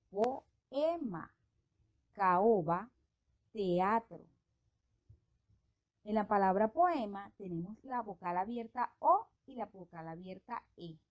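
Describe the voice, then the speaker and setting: A woman teaching a grammar lesson, explaining slowly and deliberately and spelling out examples one by one. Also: medium pitch, highs cut off. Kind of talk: educational lesson narration.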